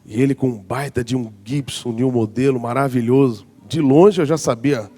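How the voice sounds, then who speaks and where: A man in his forties, a pastor telling a personal story in a lively sermon. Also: mid-range voice, normal speed. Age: 40s. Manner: lively storyteller acting out his own past reactions. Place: church conference hall.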